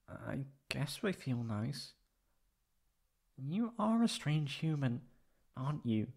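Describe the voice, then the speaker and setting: A man plays a prickly young catboy in an ASMR roleplay, haughty yet secretly soft-hearted, stammering when flustered. His voice is fairly high, creaky and exaggerated, and he sounds bashful and puzzled.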